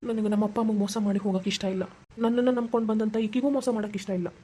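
A woman voicing a gentle, indecisive young husband in a cartoon, with a North Karnataka Kannada accent, soothing and worrying aloud. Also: medium pitch, fairly even intonation, rapid-fire, a little hiss or hum, natural voice. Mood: worried. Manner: soothing, worried, self-questioning. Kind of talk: cartoon voice acting.

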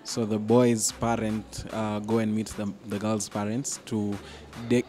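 A young man explaining slowly in an interview in an indoor cafe, holding a handheld mic. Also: on the low side, flat delivery, darkish tone, faint music behind. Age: young adult. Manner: slow, explanatory.

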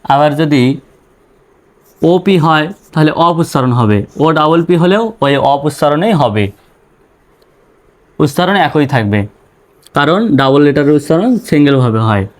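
A man with a Bangladeshi accent teaching English phonics, spelling out letters and then sounding each word in slow, patient drills. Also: on the high side, expressive.

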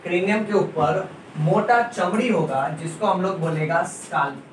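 A male biology teacher giving a playful lecture to students, repeating key terms slowly. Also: high-pitched, slight background noise. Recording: echoey room, mic at a distance.

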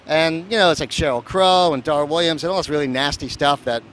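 This festival producer's voice is a little high, brisk, and a bit bright. Interviewed casually on the street at a seaport, he rambles, jokes, and fills his talk with fillers. Faint traffic and street noise can be heard.

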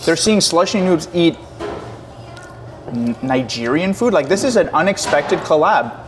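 A young man with a slightly raised pitch chats playfully through a mukbang, exclaiming over each bite. He speaks while chewing, loose and joking. A faint murmur of a restaurant sits underneath. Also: expressive, a little slow, background noise. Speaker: co-host. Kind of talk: casual food mukbang chat. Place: restaurant in Toronto.

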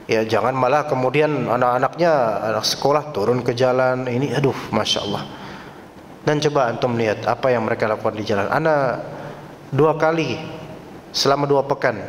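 A man preaching at a study lecture in a mosque, lively and joking with the audience, sighing in dismay at times. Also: medium pitch. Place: mosque hall. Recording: echoey hall, faint background noise.

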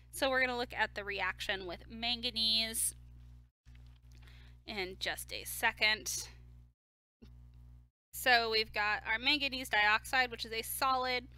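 Bright-voiced woman lecturing on chemistry. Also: a little high. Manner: casual, explains step by step with fillers. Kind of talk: recorded lecture.

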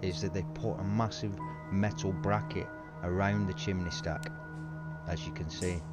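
A man gives a measured, informative voice-over about an old site. His voice sits very low. Music plays clearly underneath him. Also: steady tone. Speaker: urban explorer host. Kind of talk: voice-over narration.

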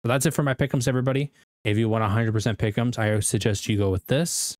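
A man's voice: medium pitch, fairly even intonation, fast, darkish tone, dry recording, studio quality. A young American man with a rambling, self-correcting way of talking, giving casual esports predictions as a video host.

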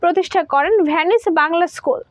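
A young woman presenting scripted news in a formal, measured way. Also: very high-pitched, no room sound. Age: young adult.

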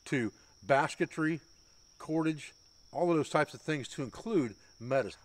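Middle-aged man explaining bushcraft skills. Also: mid-range voice. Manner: plain, practical explaining while working with his hands. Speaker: bushcraft instructor. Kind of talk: outdoor skills demonstration. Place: outdoors by woods, then an open-sided metal shed.

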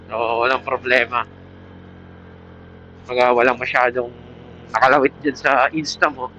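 A man with a Filipino accent speaks at medium pitch with little pitch movement, at normal speed, in a pushed, bright voice. As a motorcycle vlogger, he gives a casual product review outdoors while riding, through a Bluetooth helmet headset mic that sounds muffled against road noise.

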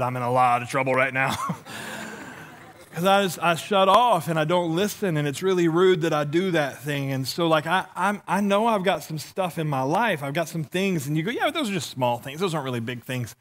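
Walking and gesturing on a church stage, a middle-aged pastor with a lisp delivers a humorous sermon of self-deprecating stories with acted-out dialogue. His male voice is a little high, with a fairly bright tone.

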